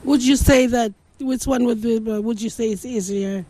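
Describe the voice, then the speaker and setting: A woman's voice: a little high, normal speed, dark tone. A woman from Palau with a Palauan accent conducts an informal interview, searching for words and switching between two languages.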